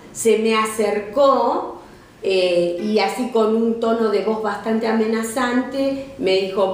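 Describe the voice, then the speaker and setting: A woman with a Rioplatense accent, a hospital worker recounting her past in a measured, hesitant way. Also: a little high. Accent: Rioplatense Spanish. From Argentina. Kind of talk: oral history recollection. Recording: very echoey room.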